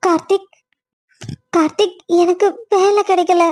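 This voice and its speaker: Woman doing a high-voiced young cartoon woman, tearful, defensive, despairing. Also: steady tone, measured pace, a little mellow, dry recording.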